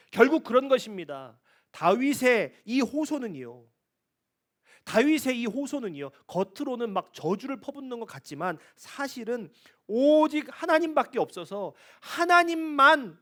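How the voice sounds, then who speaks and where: Male pastor, high and animated voice, emphatic pleading sermon delivery. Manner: emphatic preaching with rising, pleading phrases. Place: church sanctuary.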